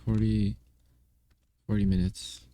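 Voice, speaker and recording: A man's voice: lowish voice, level tone, takes it slowly, dark tone, dry recording. A young man streaming, chatting casually and playfully to himself and his viewers while gaming and drawing. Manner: playful, rambling, talks to himself and chat.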